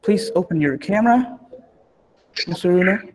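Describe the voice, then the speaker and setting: A man's voice: sits high, expressive, moderate pace, background noise. A man hosting an online competition on a video call, announcing finalists in a formal, polite way. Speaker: host. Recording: reverberant room on a call.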